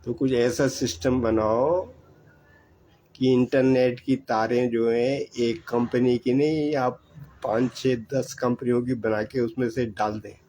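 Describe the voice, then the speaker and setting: A man's voice: medium pitch, fairly even intonation, takes it slowly, mellow, poor audio. An older man giving earnest, repetitive advice about saving money. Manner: preachy, repetitive, exhorting. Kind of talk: earnest monologue.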